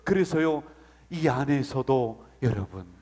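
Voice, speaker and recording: A male pastor delivering a dramatic sermon in a church sanctuary. His slightly husky voice sits a little high and swings widely in pitch. He moves from loud outbursts to near-whispers under a long, ringing hall reverb. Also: animated, slow.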